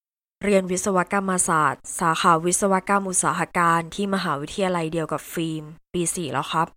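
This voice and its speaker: A composed male university senior who never raises his voice, speaking low and slow, as a woman reads him. The tone stays bright and close, with little room sound. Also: no room sound. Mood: calm. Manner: calm, low and unhurried.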